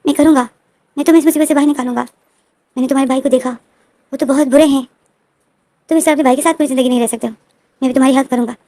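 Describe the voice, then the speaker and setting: A woman doing a calm reassuring male friend. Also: sits high, racing, long pauses, no room sound. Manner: soothing, instructive.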